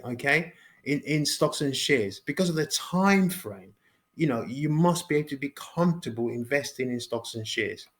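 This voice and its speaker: A man with a fairly high voice giving an informal beginner lesson, repeating phrases and checking in with "okay?" after each point. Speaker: finance educator. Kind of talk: informal explainer video.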